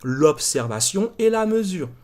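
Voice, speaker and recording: A man hosting his own channel, telling a story in a casual monologue, animated and repeating himself with frequent restarts. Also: high-pitched, unhurried. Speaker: channel host.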